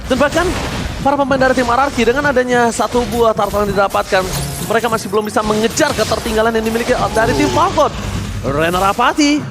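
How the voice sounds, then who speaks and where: A man with an Indonesian accent doing dramatic, excitable play-by-play esports commentary like a fighting game announcer, stretching words for effect. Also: very high voice, music in the background. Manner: dramatic, excitable delivery with drawn-out sung words.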